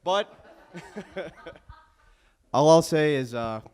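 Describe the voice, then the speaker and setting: A man giving a jokey, self-mocking wedding toast about the groom, with bursts of loud teasing. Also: a little high, expressive, drawn-out words, clear, resonant tone. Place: wedding venue.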